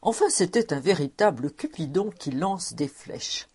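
A woman reading a classic novel aloud as narrator, measured and expressive. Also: lowish voice, slightly rough. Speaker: audiobook reader.

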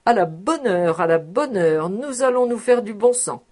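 Storybook role: woman reader as a jovial, stout, balding male tax collector, loud and hearty. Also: medium pitch, lively intonation, a little slow. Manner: boisterous and hearty, laughing loudly. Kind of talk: audiobook character reading.

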